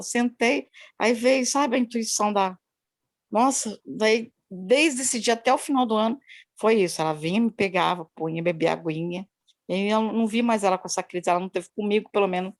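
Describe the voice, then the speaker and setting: A woman who works at a daycare tells a long personal story. She rambles and repeats herself, speaking into her phone on a video call. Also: medium pitch. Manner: rambling and repetitive, many "né?" tags. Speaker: daycare worker sharing an experience.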